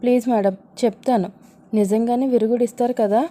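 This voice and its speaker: A woman's voice: fairly high pitch, fairly even intonation, brisk, warm tone, close to an everyday voice. Woman reading a frightened pleading receptionist.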